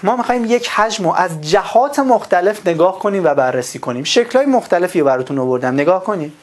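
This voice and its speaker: A woman's voice: on the low side, animated, a little mellow. A woman from Iran teaching a recorded math lesson, explaining patiently and asking the class questions before answering them herself.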